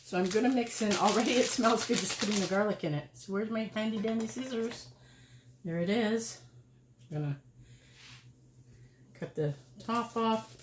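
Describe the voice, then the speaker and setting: A woman's voice: medium pitch, normal speed, pauses often, reverberant, slight background noise. A woman hosting a casual cooking livestream, chatting and rambling as she cooks and laughing often. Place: home kitchen.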